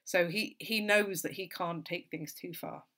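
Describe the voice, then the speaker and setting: A woman tutor giving an exam-revision literature lesson, explaining in a steady, thoughtful way with lots of "so" and "kind of". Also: lowish voice, unhurried.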